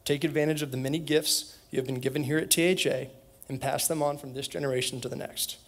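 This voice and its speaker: A man's voice: on the high side, steady tone, quick pace, noisy background. A young man, a former student, giving a prepared graduation speech with an earnest, direct manner. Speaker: graduation speaker, alumnus. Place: school event hall.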